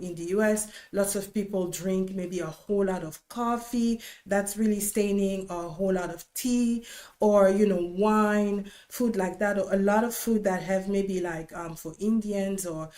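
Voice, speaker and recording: A warm, mid-range voice comes from a woman with a Congolese accent, a dentist from the Democratic Republic of Congo. She hosts an informal livestream to educate viewers, chatting instructively and going back over key points for emphasis.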